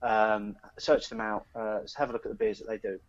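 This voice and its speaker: A man from East Anglia, England, co-hosts a beer podcast, rambling casually through a beer review with plenty of ums and restarts. His voice is fairly low and flat, a little fast, captured in a dry, dull, lo-fi podcast recording.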